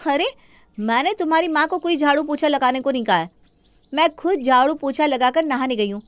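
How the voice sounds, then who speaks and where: A woman voicing a sharp-tongued young daughter-in-law who talks back sarcastically, in an animated story. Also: high-pitched, fairly quick, no room sound, soft background music, lightly acted. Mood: defiant.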